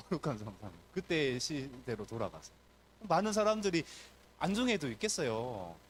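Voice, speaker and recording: A man's voice: a little high, slight background noise. A man, a pastor, preaching a sermon at a church service and acting out the voices in the story. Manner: animated preaching, acts out crowd and beggar voices.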